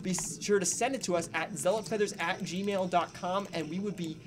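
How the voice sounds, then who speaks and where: A man's voice: sits high, brisk, slight background noise. Chatty young man hosting a game stream. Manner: chatty, excitable, cheering on a player. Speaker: gaming channel co-host and caster. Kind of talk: casual live-stream game commentary. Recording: game music playing behind.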